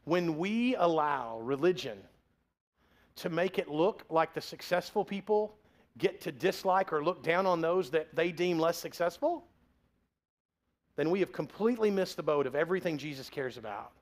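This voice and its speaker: Pastor guy in his 40s preaching, kinda high voice, chatty and jokey. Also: expressive, normal speed. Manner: conversational, joking preaching. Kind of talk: sermon.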